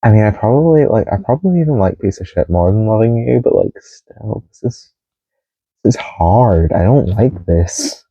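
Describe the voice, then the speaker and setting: Guy rambling about albums in his bedroom, mellow low voice, dry sound. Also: lively intonation, normal speed, dry recording, lo-fi sound. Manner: chatty, sings snippets of songs, laughs often. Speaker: music vlogger. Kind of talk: casual music commentary.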